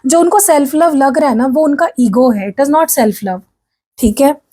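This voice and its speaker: A woman's voice: sits high, measured pace, dark tone. A woman giving a casual tarot reading to her viewers, chatting in a friendly way, slipping in English phrases and complaining of a sore throat. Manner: chatty, addresses viewers as "guys", frequent "theek hai?"; mixes English phrases into Hindi speech. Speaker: tarot reader.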